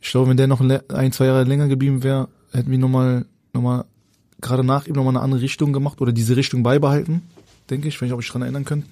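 A man's voice: mid-range voice, little pitch movement, fast, warm tone, no echo. A man, a former footballer, telling stories in a loose, colloquial way as a guest in casual conversation, often searching for words. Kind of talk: casual anecdotal storytelling.

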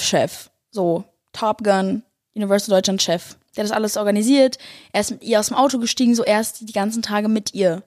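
Young woman spilling a story to her followers, gushy and breathless, tosses english slang in, kinda high voice, dead dry sound. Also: a little mellow, no room sound. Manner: breathless, gushing, mixes English slang into German. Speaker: singer and vlogger. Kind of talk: excited storytelling to viewers.

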